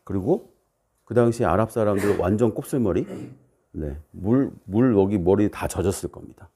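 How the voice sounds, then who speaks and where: A man preaching a sermon as a missionary, telling stories and acting out the voices and shouts in them. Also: fairly low pitch, moderate pace, a little hiss or hum. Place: church.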